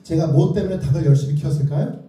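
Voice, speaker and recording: A children's author and lecturer gives an interactive talk in a theatrical, storytelling style, asking his audience either-or questions. His voice is fairly high, quick and mellow. He's recorded from a distance in an indoor lecture room with very strong echo.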